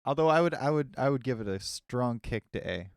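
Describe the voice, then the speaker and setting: A man's voice: mid-range voice, lively intonation, fairly quick, smooth, no room sound, studio quality. A man co-hosting a podcast in casual chat, enthusiastic and emphatic. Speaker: podcast co-host.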